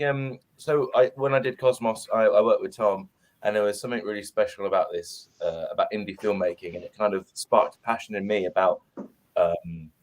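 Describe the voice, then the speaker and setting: A man, an actor guest in an interview, out of breath and friendly, self-deprecating. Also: fairly low pitch.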